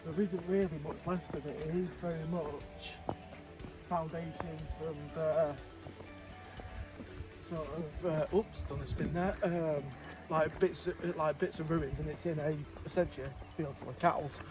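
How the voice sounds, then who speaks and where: A man's voice: fairly high pitch, steady tone, a little slow, low-quality recording. A young man, co-hosting a travel vlog outdoors, who talks in a hesitant way with many ums and restarts. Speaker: travel vlogger. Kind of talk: casual outdoor vlog chat. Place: outdoors in a field. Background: background music.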